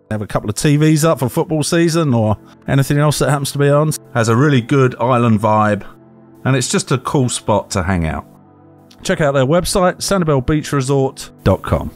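A man narrating a travel guide voice-over in a clear, informative way, giving step-by-step directions. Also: medium pitch. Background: faint background music.

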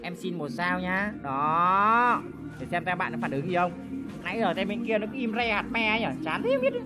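A woman giving excitable live commentary over her mobile game play, jumping between loud outbursts and low muttering, swearing playfully. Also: normal speed. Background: game background music.

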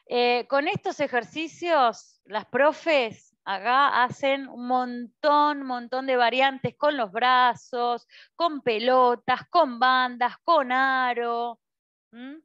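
A woman with an Argentine Spanish accent leads a Pilates class, giving encouraging cues and often checking in with the students. Her voice sits high. The recording is dry and a little muffled. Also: slow pace, fairly bright tone, clean tone, no room sound. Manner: instructive, encouraging, cueing movements with frequent "¿sí?". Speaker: Pilates instructor. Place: Pilates studio.

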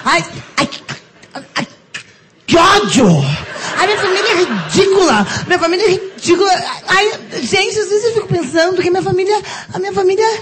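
A dramatic teenage girl with a Brazilian accent, her voice pitched very high. She huffs and sighs at her ridiculous family, then wheedles and begs in sugary tones. A faint hiss of noise runs under the voice. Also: expressive, normal speed. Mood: exasperated. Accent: Brazilian Portuguese. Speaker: comedian in character. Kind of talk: stage comedy monologue. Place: theater stage.

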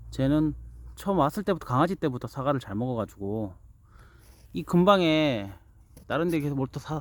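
A man's voice: mid-range voice, dry recording. A man casually narrating a homemade pet video outdoors while he films, now and then chatting to the animal. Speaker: vlogger filming own dog. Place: outdoors in an apple orchard.

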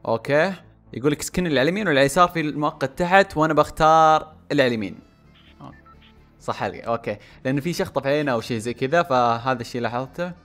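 Guy doing gaming commentary, talks quick, mutters then yells out loud. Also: medium pitch, faint music behind. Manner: excitable, swings from mumbled guesses to loud outbursts. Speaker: gaming channel host.

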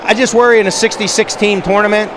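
A middle-aged man, a wrestling coach, giving an animated postgame interview into a handheld mic in a high school gym. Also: quick pace. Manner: animated, gesturing while standing. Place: high school gym, large indoor space. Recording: noisy gym background.

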